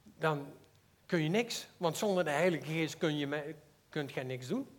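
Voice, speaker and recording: A man with a Limburg Dutch accent preaching a sermon, earnest and personal, swinging between loud emphasis and quiet asides. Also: a little high, lively intonation, unhurried.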